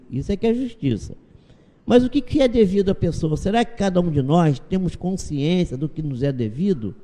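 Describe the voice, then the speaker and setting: A Brazilian man talks as a guest in a calm spiritual interview. His voice is very dark and gravelly. He tells stories and acts out their dialogue, with a long reverb trailing behind him. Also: a little high. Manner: storytelling, acts out dialogue from anecdotes.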